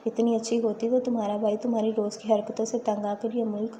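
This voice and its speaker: A woman's voice: fairly high pitch, flat delivery, warm tone, a little hiss or hum, lightly acted. A woman reading the lines of a wronged young wife in a storybook tale, speaking in a reproachful, pleading way.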